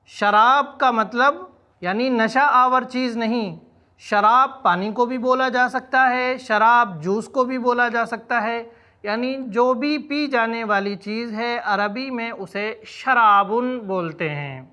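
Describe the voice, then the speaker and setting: High, bright-voiced male Arabic teacher. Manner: says each Arabic word slowly and repeats it, then explains its meaning. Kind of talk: vocabulary lesson in Urdu.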